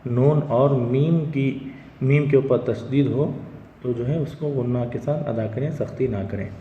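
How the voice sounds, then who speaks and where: A man teaching a Quran recitation lesson, explaining the rules slowly and drilling syllables aloud again and again. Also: medium pitch, narrow, tinny audio. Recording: echoey room with long reverb, faint hiss.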